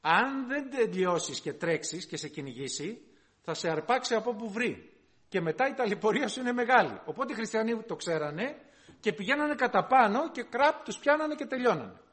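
Guy preaching a sermon, high voice, lots of rhetorical questions, goes loud then quiet. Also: sing-song. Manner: emphatic, rhetorical questions, swings between loud and hushed.

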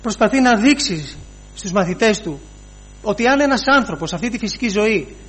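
A man preaching a sermon, pausing often, repeating phrases and inserting "he says" as he retells scripture. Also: high-pitched, lively intonation, fairly bright tone, husky.

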